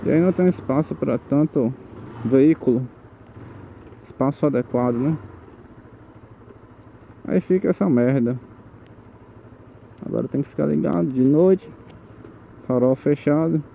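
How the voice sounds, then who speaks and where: A man's voice: fairly high pitch, measured pace, vocal fry, pauses often. A man gives a grumbling, swearing running commentary while riding a motorcycle at night. His voice comes through the gritty lo-fi sound of an old microphone hidden in his helmet. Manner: grumbling, swears about traffic. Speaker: motorcycle vlogger. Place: riding through city streets at night, outdoors. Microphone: old mic hidden in helmet. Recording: dull lo-fi helmet mic, loud traffic noise.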